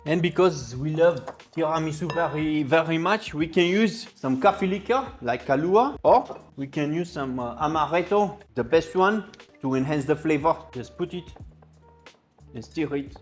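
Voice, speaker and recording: Higher-voiced man with a foreign, French-style accent. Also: expressive, moderate pace. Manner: playful, joking, with French interjections. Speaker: cooking show host. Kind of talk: casual recipe demonstration. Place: indoor kitchen with steel fridges. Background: music.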